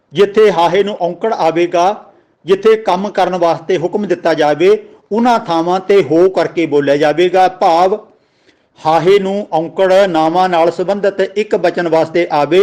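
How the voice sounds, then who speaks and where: A man with a Punjabi accent giving a religious grammar lesson, slowly spelling out words and their pronunciation. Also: sits high, a little mellow. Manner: slow, deliberate, spells out words letter by letter. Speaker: teacher of scripture grammar.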